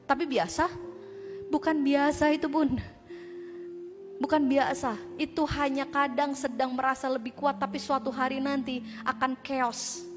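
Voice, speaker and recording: High-voiced woman giving an animated talk. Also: a little slow. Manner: animated and conversational, with rhetorical questions to the crowd. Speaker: speaker addressing a women's community group. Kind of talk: motivational religious talk to a live audience. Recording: long hall reverb with music behind.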